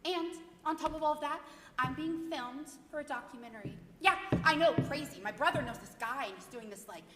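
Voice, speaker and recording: A woman's voice: high voice, a little fast, fairly bright tone, a little hiss or hum. A woman performing a stage monologue as a ditzy, bubbly teen college applicant who gushes in chirpy valley-girl talk. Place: school theater stage. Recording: echoey hall from far off.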